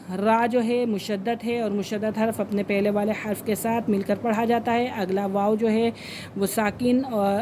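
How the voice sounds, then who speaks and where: A woman teaching Quran recitation with tajweed, with an Urdu accent, chanting verses slowly and stretched out, then explaining the rules in quicker, lower speech. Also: dark tone, a little hiss or hum.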